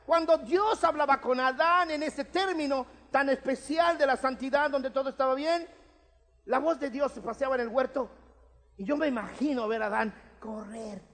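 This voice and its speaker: A man's voice: very high voice, normal speed, a bit bright. A man, preaching a sermon as pastor in a conversational way, often checking in with his listeners. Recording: long hall reverb.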